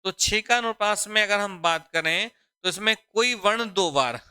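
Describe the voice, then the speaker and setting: Bright, crisp-voiced Hindi teacher, man. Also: sits high, no echo. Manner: repeats questions to students, calling them "beta" and "bachchon"; drawn-out, deliberate explaining. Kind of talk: exam-prep lesson.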